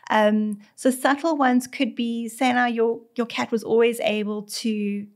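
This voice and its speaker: In a podcast interview, a female vet with a South African accent gives a conversational expert explanation of how cats behave. Her pitch is fairly high, her intonation fairly even, and she doesn't rush. She frequently voices the cat in first person and restarts sentences.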